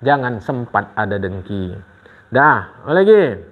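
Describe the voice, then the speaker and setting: A man giving a sermon as a religious teacher, animated, asking the congregation questions and answering them himself. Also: mid-range voice, measured pace. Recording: tinny phone-like recording.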